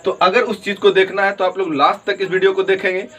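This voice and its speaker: Guy with a high voice teaching english grammar to kids online, goes slow, spells stuff out, keeps checking they got it. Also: level tone, pushed and bright, rough recording. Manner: explains slowly, repeats "theek hai na", spells words letter by letter.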